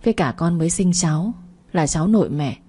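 Woman reader doing a remorseful young mom, pleading, dark tone, storybook. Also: fairly low pitch, expressive, a little fast, breathy edge. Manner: pleading, apologetic.

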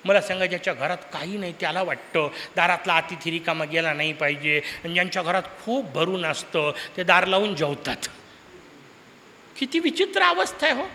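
A man's voice: sits high, animated, a little fast, pushed and bright, a little hiss or hum. A man giving a devotional discourse to an audience, telling a story with humor, rhetorical questions and sudden emphatic bursts, with a Marathi accent. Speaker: preacher of a discourse series. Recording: hall with long reverb.

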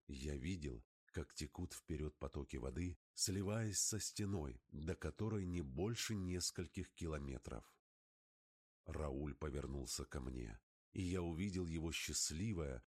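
Deep husky-voiced male storyteller. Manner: expressive first-person storytelling. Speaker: narrator. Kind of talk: scripted audiobook narration.

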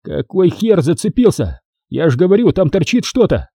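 A man's voice: high-pitched, lively intonation, moderate pace, dark tone, husky, no room sound, clean studio sound, pitched above the performer's own voice, heavily acted. Man voicing a wounded soldier groaning and cursing. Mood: pained, irritated.

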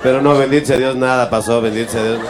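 A man with a Mexican accent telling a crude, rapid stand-up story, often jumping into high squeals. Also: steady tone. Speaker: stand-up comedian. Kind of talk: stand-up routine. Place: live venue with audience. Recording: live show with crowd and noise.

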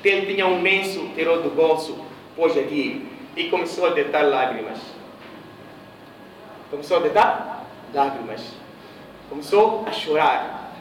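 Man, Mozambican preacher, storytelling sermon, high voice, roomy echo, faint background noise. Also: a little slow, long pauses. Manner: storytelling with quoted voices, questions to the audience. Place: mosque hall. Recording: echoey room, voice from a distance.

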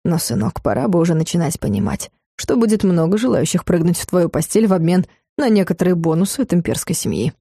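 Woman reading as a calm, ironic middle-aged father, low dark voice, dry close sound, audiobook reading. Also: quick pace, few pauses, husky, no echo, exaggerated voice.

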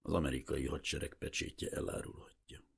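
A husky-voiced man reading an audiobook, voicing a discreet middle-aged doctor who speaks in a hushed, confidential tone. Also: a bass voice, level tone, voice pushed down, exaggerated voice. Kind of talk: audiobook character voice.

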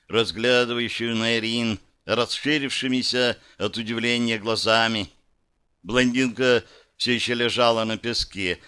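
A man's voice: mid-range voice, bright, forceful tone, clean tone. A man narrating a first-person fantasy audiobook with dramatic, vivid storytelling.

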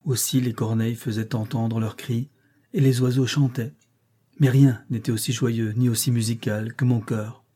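A man narrating a classic novel as an audiobook reader, in a steady, measured way. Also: mid-range voice, breathy edge. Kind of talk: scripted narration.

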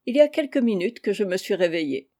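A woman's voice: medium pitch, big pitch swings, fast talker, mellow. A woman voicing a cheerful, teasing young engaged woman in an audiobook, with a light, playful delivery.

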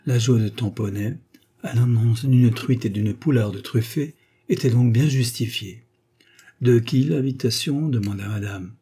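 Husky, mellow male storyteller. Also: medium pitch. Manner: measured, lightly comic storytelling. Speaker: narrator. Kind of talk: audiobook reading of a comic short story.

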